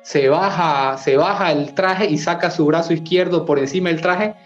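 Male Bolivian doctor, interview guest, earnest and halting, slightly raised voice, muffled recording with faint music. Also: fairly high pitch, steady tone. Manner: earnest, hesitant, repeats and restarts words. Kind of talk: recounting a personal experience.

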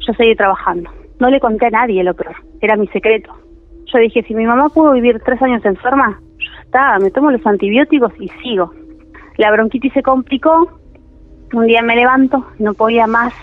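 A woman with a Rioplatense Spanish accent telling a personal story as a caller, halting and restarting, her voice wavering with emotion. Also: sits high. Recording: phone line.

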